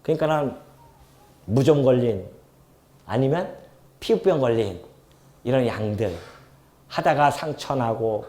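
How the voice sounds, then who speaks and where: Male pastor, church sermon, lively swooping delivery, rhetorical questions to the pews. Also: mid-range voice, a little slow, long pauses. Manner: animated, swings between loud emphasis and soft asides; asks the congregation questions and acts out quoted speech. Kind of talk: expository sermon.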